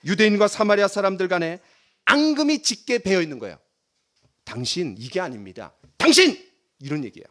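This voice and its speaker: Leading his congregation in reading aloud, a middle-aged pastor gives a dramatic sermon that moves between forceful emphasis and near-whispered hushes. His voice sits high, swings widely in pitch, and runs a little fast.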